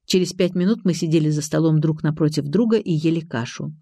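A calm audiobook narrator reads in the first person. The voice is mellow and dark, recorded dry and close to the mic. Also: medium pitch, brisk, no echo.

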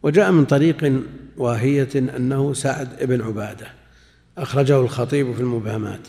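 Male religious teacher, mid-pitched, measured and repetitive explanation, reverberant hall sound. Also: steady tone, creaky, mellow. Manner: measured, repeats phrases while explaining. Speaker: Islamic scholar. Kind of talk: lecture explaining hadith commentary.

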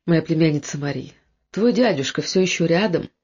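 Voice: medium pitch, lively intonation, a little fast, a little mellow, slightly rough. A reader voicing a loyal, earnest old servant who reassures his niece, on a dull lo-fi recording. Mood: reassuring. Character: loyal old Breton servant, steady and caring.

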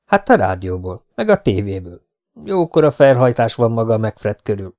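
A man's voice: on the low side, very animated, a little mellow. A man voicing a scruffy, wary male smuggler in an audiobook, talking in a blunt, casual way. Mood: gruff.

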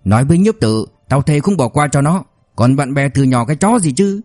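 A man's voice: a little high, lively intonation, fairly quick, mellow, husky, voice pushed up. A man voicing a cornered middle-aged official who snarls through gritted teeth. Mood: seething. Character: middle-aged male local official, bullied, furious and cornered.

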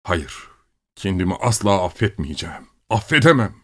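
A man's voice: low voice, big pitch swings, normal speed, a bit bright, heavily acted. A man voicing an anguished, remorseful husband who groans bitterly, in an audiobook story.

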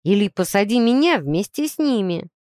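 A woman reading a storybook voicing a rough, sullen teenage boy who leads a gang and barks orders gruffly. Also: medium pitch, big pitch swings, moderate pace, a little mellow, no echo, clean studio sound, close to an everyday voice.

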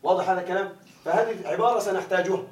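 A man's voice: high voice, very fast, a little mellow. A man teaching grammar in a classroom lecture, often stopping to ask his students whether they follow. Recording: echoey room, voice from far off.

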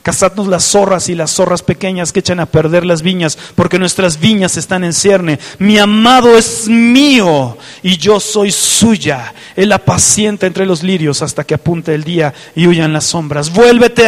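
A man's voice: high-pitched, long reverb tail. A man preaching a fervent sermon, reading scripture aloud and asking his listeners direct questions. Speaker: pastor.

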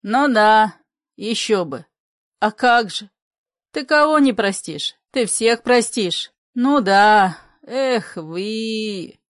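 A woman reading an audiobook, voicing a gruff, bitter old grandfather who grumbles and bursts into shouts in a low voice. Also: expressive, unhurried, few pauses, no echo, studio quality, natural voice.

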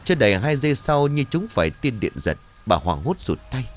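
A man narrating a ghost story in a dramatic, expressive storytelling manner. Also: medium pitch, fairly quick, faint music behind.

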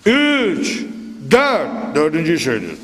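A man preaching a Quran commentary lesson into a pulpit microphone, animated and full of sudden emphatic bursts and questions to his listeners. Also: on the high side, moderate pace, soft background music. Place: at a pulpit in a large reverberant hall. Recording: long hall reverb.

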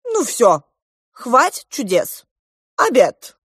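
A woman voicing a bossy, playful male king in a children's audiobook, giving loud commanding proclamations. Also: on the high side, sing-song, takes it slowly, dry recording, studio quality, pitched above the performer's own voice, full character voice. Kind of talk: audiobook character voice.

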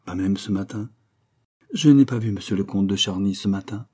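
A proud young lady-in-waiting who answers a queen coldly and with bitter restraint, as a man voices her in an audiobook. The voice is dark and mellow, with a husky edge. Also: lowish voice, normal speed. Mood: restrained. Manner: cold, restrained replies. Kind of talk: audiobook character reading.

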